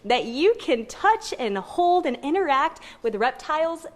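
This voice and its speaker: A woman's voice: sits high, sing-song, unhurried. A woman TV reporter presenting a live animal feature.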